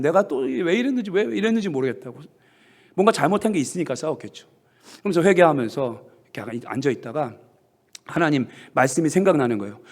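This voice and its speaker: Male pastor, high and very lively voice, animated storytelling sermon with shouted hallelujahs. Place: church sanctuary.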